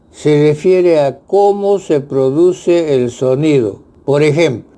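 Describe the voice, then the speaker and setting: A man narrating a scripted Spanish grammar lesson, reading definitions and examples aloud in a slow, measured way. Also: fairly high pitch, warm tone. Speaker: grammar teacher.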